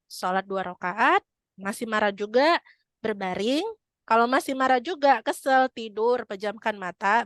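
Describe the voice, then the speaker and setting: A woman's voice: mid-range voice, no echo, clean studio sound. A woman religious teacher giving a study talk, chatting casually and dropping in Arabic phrases. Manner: conversational, mixing casual speech with Arabic phrases; acts out prayers and quotes with feeling.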